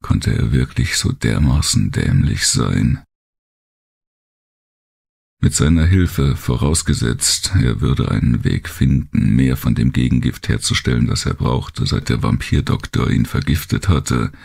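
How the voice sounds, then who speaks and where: In this first-person thriller audiobook, a man narrates with a gravelly, husky voice and brooding, deliberate, dramatic phrasing. His bass voice carries a slightly mellow quality.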